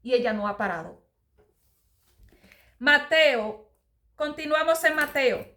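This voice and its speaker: A woman preaching a sermon with an earnest, searching delivery. Her voice sits a little high. She reads verses aloud and circles back over her phrases as she explains them. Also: expressive, slow, pushed and bright. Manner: earnest, repeats and restarts phrases while reading verses aloud. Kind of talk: sermon reading and explaining scripture.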